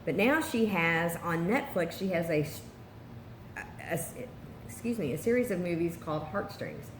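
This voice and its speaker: Woman co-host, casual vlog chat, lowish voice, enthusiastic with frequent fillers; roomy echo. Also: lively intonation. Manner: chatty, many "um" pauses, enthusiastic. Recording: roomy echo with faint background noise.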